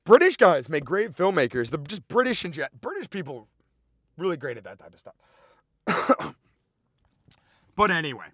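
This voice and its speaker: A man hosting a comedy podcast, rambling excitedly through a profane monologue full of sidetracks. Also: a little high, no echo, studio quality.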